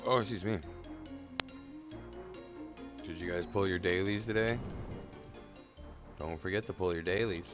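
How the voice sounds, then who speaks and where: A man's voice: deep voice, unhurried, pauses often, music in the background. A man streaming a game live, joking crudely with chat and muttering repeated phrases to himself.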